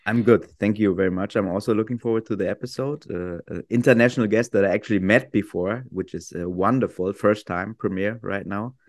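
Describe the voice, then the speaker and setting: A man whose first language is German, co-hosting a podcast in English, asking friendly, measured questions. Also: fairly low pitch, dry recording, studio quality. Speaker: podcast co-host. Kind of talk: casual interview chat.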